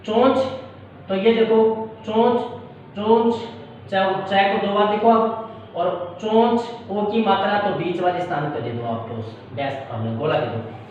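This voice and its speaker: A high-voiced man teaches shorthand in a patient, repetitive way, often pausing to check that the class follows. He sounds distant and very echoey, with a dull tone and a faint hiss behind him. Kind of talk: classroom-style tutorial.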